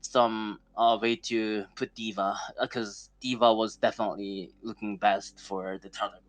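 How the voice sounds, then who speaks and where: A man's voice: on the low side, fairly even intonation, a little slow. Hesitant male esports co-caster. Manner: hesitant, stammers and fills with um and uh. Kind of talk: live esports commentary.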